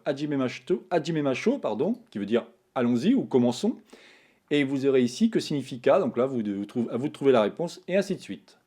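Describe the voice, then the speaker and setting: A man explains a lesson in an easygoing, talkative way, narrating over his screen as he writes. His voice is dark and mellow but sits a little high, and it rises and falls a lot. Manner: relaxed, chatty, talks while drawing strokes. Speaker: Japanese teacher, channel host. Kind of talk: casual screen-tablet writing tutorial.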